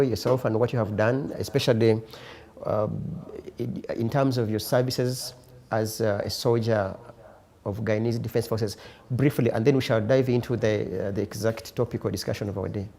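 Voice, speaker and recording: A man with a Ugandan accent hosting a live-streamed studio interview, speaking courteously and formally with frequent hesitant pauses. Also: medium pitch, fairly even intonation, vocal fry, mellow. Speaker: talk show host.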